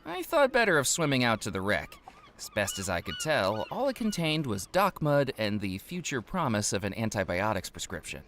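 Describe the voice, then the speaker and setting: Wry adventurer narrator, dry delivery, lively pitch. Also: male voice, normal speed, background noise. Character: wry treasure hunter man narrating his adventure. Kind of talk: voiced game narration.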